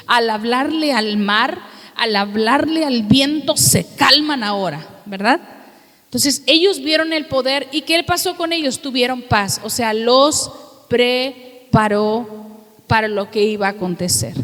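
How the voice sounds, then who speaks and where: A woman pastor preaching a sermon to a congregation, asking them questions and reading scripture slowly and emphatically. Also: high-pitched. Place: church hall with congregation. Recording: long reverb of a hall.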